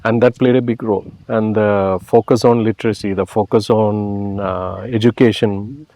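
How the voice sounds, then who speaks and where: An interview guest from Kerala, India, speaks with a Malayali Indian accent, reflecting on and explaining his views in conversation and often tagging phrases with "you know." His voice is fairly low, with a dark tone and fairly even intonation, at normal speed and with no echo.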